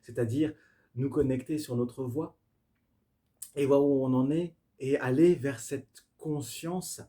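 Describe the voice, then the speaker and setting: A man giving an improvised tarot reading to camera, effusive and spiritual, speaking straight to his viewers and often pausing to search for words with fillers and restarts. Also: mid-range voice, fairly even intonation, dark tone. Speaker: tarot reader.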